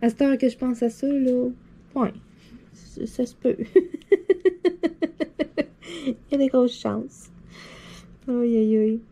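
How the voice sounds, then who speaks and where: Husky, dark-voiced Québécois woman vlogger. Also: fairly high pitch, takes it slowly, long pauses. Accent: Québécois French. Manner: chatty, animated, lots of fillers and laughter. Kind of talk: casual anecdote storytelling to viewers. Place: seated at a desk indoors.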